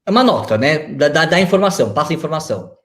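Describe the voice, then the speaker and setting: A man's voice: on the high side, animated, very fast. A Brazilian man in his forties, a guest on a video-call interview, talking reflectively with many fillers and restarts. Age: 40s.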